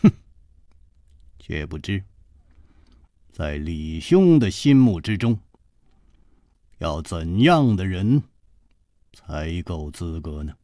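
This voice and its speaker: A male storyteller voicing a calm, unflappable hero who speaks low, soft and understated, in a traditional storytelling performance. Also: slow pace, pauses often, dry recording, studio quality, exaggerated voice.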